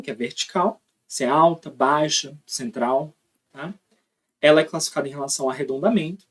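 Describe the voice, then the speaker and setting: A young man teaching a recorded class. He explains step by step and keeps checking that students follow him. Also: a little high.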